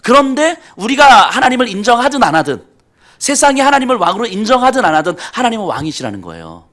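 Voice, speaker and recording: Animated Korean pastor preaching. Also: male voice, very high voice, fast. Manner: animated storytelling with self-deprecating humor. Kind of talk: sermon.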